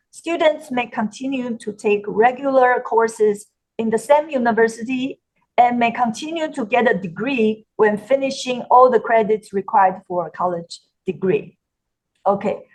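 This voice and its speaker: A woman's voice: on the high side, darkish tone, rough recording. A woman giving a presentation on a webinar over a video call, careful with "uh" fillers and restarts.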